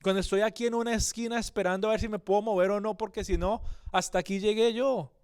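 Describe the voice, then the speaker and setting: A man's voice: sits high, steady tone, fast talker, darkish tone, clean tone, no echo, studio quality, pitched above the performer's own voice. A preacher putting on an anguished hunted king. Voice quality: pleading, urgent.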